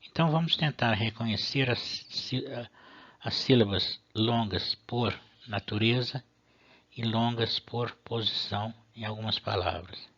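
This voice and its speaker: A man's voice: medium pitch, unhurried, a bit bright, husky. A man, teaching a language lesson patiently and methodically, sometimes stopping to restart a phrase. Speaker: Latin teacher. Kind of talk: explanatory video lesson. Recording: dull lo-fi recording.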